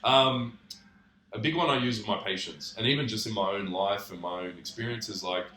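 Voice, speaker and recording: A man's voice: fairly low pitch, moderate pace, crowd noise. A young man, a physio guest, chatting in a laid-back, sweary way with many fillers. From Australia. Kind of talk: casual podcast chat. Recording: roomy echo.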